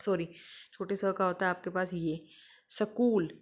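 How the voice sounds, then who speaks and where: A woman's voice: lowish voice, level tone. Patient woman teaching phonetic symbols. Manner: patient, repeats example words slowly. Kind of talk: explaining English phonetic symbols to students.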